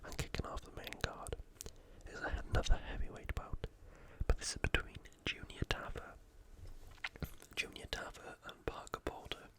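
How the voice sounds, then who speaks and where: In a breathy, unvoiced whisper at a moderate pace, an ASMR host gives a casual and somewhat hesitant sports preview with an analytical angle.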